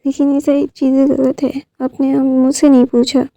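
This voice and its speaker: A woman's voice: sits high, level tone, moderate pace, warm tone, no echo. A woman voicing an upset, confused young man who keeps protesting.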